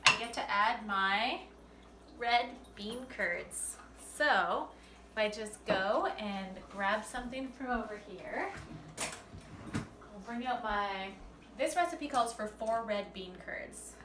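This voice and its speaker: An amateur vlogger, a woman with a mid-range voice, chats slowly and casually as she narrates a home cooking demonstration. Filmed on location at shops and in a home kitchen, the noisy recording is echoey and full of kitchen clatter.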